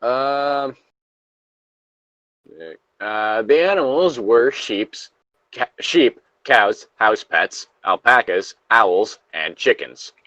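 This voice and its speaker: Expressive and pushed, this bright medium-pitched male voice draws out its words as he co-hosts a casual horror-story read-along. He cracks jokes and swears between lines, and the lo-fi recording carries no room sound.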